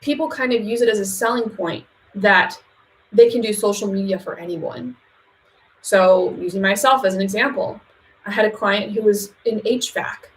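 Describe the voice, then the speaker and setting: A woman's voice: medium pitch, moderate pace, reverberant, low-quality recording. A woman who runs a social media agency, giving business advice straight to camera in a casual vlog, chatty and direct, with fillers and emphatic repetitions.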